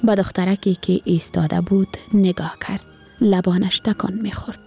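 A woman with an Afghan Dari accent narrating a story on radio, in a breathy voice. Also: medium pitch, flat delivery, mellow, soft background music. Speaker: story reader.

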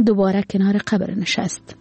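A woman calmly reading a literary short story aloud for radio. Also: medium pitch, breathy edge, no room sound. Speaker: story reader.

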